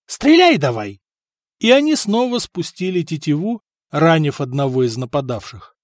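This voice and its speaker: Male audiobook narrator, lively and dramatic, higher voice, dry close studio sound. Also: moderate pace, no room sound. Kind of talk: scripted narration.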